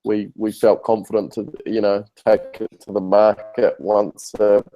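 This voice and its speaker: A man's voice: lowish voice, little pitch movement, a little slow, mellow, poor audio. A man speaking hesitantly with many fillers in a casual remote interview, his call line breaking up and fading in and out. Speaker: interviewee, hospitality software founder.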